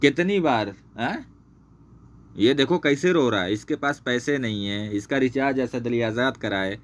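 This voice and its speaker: A man's voice: medium pitch, normal speed. Angry guy ranting and cursing nonstop, keeps saying look at this, regular mid voice. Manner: angry, heavily profane, repetitive; points to screen repeatedly. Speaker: channel host exposing a former associate. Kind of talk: screen-share rant.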